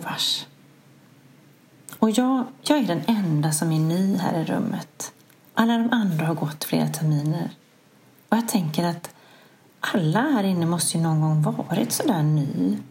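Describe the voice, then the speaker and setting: A middle-aged woman, host of a podcast, telling a personal story in a candid, self-mocking way with a soft, hushed delivery. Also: on the low side, vocal fry, slight background noise.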